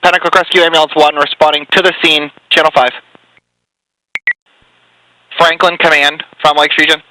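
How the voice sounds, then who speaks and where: An emergency fire dispatcher relays calls over two-way radio using clipped, procedural phrasing. His slightly high voice is bright and forceful, delivered flatly at a normal pace. The audio is poor, compressed radio sound with hiss.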